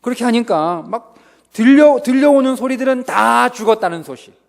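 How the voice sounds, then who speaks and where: High-voiced, dramatic male preacher. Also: animated, normal speed, creaky. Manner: dramatic swings from loud to whispered. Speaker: pastor. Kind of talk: revival sermon. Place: church sanctuary. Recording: reverberant church hall.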